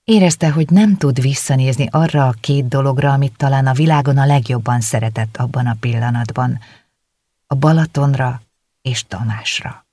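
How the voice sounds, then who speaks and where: An audiobook narrator telling a novel in a calm, steady way. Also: medium pitch, dry recording. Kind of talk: scripted narration. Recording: dry close recording.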